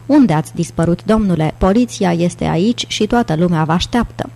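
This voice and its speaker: A flustered male night manager who speaks deferentially and anxiously, read by a woman in an audiobook. the voice sits somewhat low. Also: creaky, mellow.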